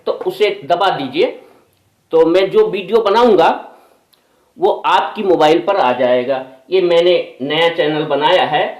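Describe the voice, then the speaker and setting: A man teaching a maths lesson step by step, patient, going back over the steps and correcting himself aloud. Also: on the high side. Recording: echoey room, voice from a distance.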